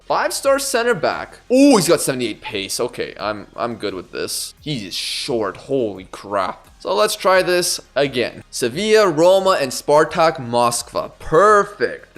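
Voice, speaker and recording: A young man giving let's play commentary on a football video game, swinging between excited shouts and low muttering, with faint music behind. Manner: animated, yelling at players, swings from excited to muttering. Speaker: gaming YouTuber.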